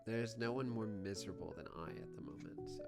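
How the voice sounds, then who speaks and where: A man chatting casually while drawing, playful and mock-dramatic, his volume swinging between loud and quiet. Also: lowish voice, a little fast, vocal fry. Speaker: co-host drawing on stream. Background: music.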